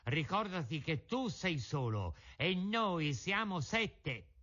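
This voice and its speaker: A man puts on a gang of bullying schoolboys, raised high above his own voice, full of jeers and threats. The recording is dull and lo-fi. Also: animated, a little slow, a bit bright. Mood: threatening. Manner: jeering, threatening taunts. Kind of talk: storybook reading.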